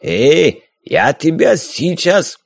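A man's voice: high-pitched, huge pitch swings, unhurried, no echo, clean studio sound, pitched above the performer's own voice, exaggerated voice. A man voicing a hairy, hook-nosed male corsair who talks in a guttural, broken, bullying way in an audiobook. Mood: blustering.

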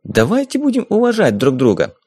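A man's voice: high-pitched, huge pitch swings, a little fast, darkish tone, slightly rough, no room sound, studio quality, voice pushed up, full character voice. A man voicing a pretty, strict young woman who lectures earnestly in an audiobook. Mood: insistent.

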